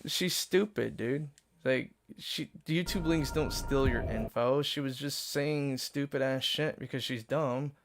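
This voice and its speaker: A male live streamer in a casual rant to his chat, animated and swearing, acting out quoted lines. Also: medium pitch, unhurried.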